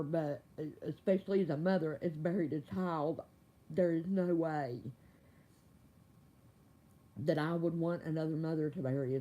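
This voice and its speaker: Casting: middle-aged American woman, mellow voice with gummy, toothless diction, speaking casually and emphatically in a heartfelt appeal. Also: mid-range voice, poor audio. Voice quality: toothless, slightly slurred articulation. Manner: emphatic, folksy, repeats phrases for stress. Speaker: organ donation advocate speaking as a bereaved mother. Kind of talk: casual emotional plea to camera.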